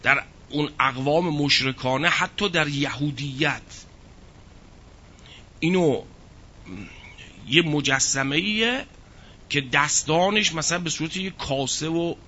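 A man giving a religious lecture who recites verses slowly and explains them with rhetorical questions. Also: fairly high pitch, sharp tone. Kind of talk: Quran exegesis lecture. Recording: dull lo-fi recording.

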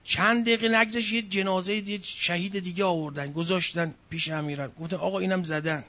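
High, bright-voiced male preacher. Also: steady tone. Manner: emotive storytelling, sighs and cries out. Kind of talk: religious sermon storytelling. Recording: dull lo-fi recording.

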